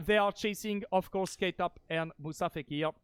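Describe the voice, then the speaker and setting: A man with a Spanish accent calling esports play-by-play, excitable and shouting on big plays. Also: high-pitched, normal speed, slight background noise. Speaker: esports caster.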